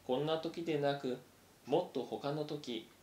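A man reading aloud, voicing a brave young male mouse who speaks haltingly, choked with emotion, in a roomy recording. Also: fairly high pitch, darkish tone, natural voice. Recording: roomy echo.

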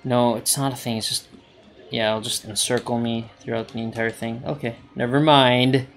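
Gravelly rambling game commentator. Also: male voice, medium pitch, little pitch movement, moderate pace, faint music behind. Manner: rambling, hesitant, self-talking. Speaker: gaming channel host. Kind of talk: let's play commentary.

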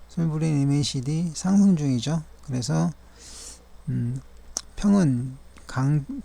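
A man with a gravelly, mellow, dark-toned voice walks through stock charts one by one. His delivery is measured and formal, with polite fillers and the occasional self-correction. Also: fairly high pitch. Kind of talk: daily stock chart review narration.

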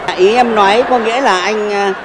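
A man's voice: high-pitched, steady tone, brisk, big-room sound, a loud crowd, heavy background noise, close to an everyday voice. A man, playing a boastful, flirty suitor in his sixties in a stage comedy sketch. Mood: chatty. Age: 60s. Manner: cheeky, suggestive banter. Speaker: comic actor.

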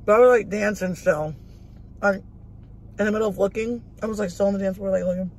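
Her medium-pitched voice is fast and a little mellow as this woman vlogger eats in a parked car. She tells a casual, chatty story, swearing freely and saying "like" a lot.

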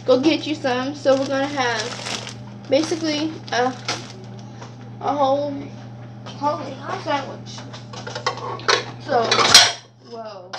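A woman's voice: high voice, slow pace, pauses often. A young woman making a casual cooking vlog in a small kitchen, chatty and talking straight to her viewers through a camera on the counter. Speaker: vlogger. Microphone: camera set on the counter. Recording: sizzling kitchen noise behind.

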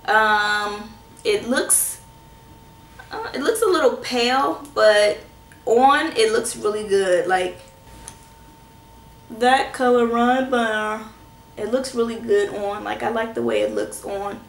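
Hoarse with a cold, this young woman reviews products casually for her beauty vlog, reassuring and chatty while poking fun at herself. Her slightly high voice is animated, slow and full of pauses, recorded by a close front-facing camera in a small, echoey home room.

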